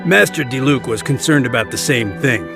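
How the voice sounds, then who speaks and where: In a video game cutscene, an actor voices a polite, dutiful older butler who is formal and courteous and coughs now and then. His mid-range voice is gravelly and animated at a moderate pace, heard as game audio with background music.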